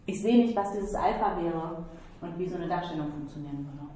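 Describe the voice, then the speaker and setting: A woman's voice: fairly low pitch, a little fast, dark tone. Woman lecturer explaining in an echoey room. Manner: patient, explanatory, thinks aloud. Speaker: mathematics lecturer. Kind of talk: tutoring session explaining algebra. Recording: echoey room, mic far off, faint noise.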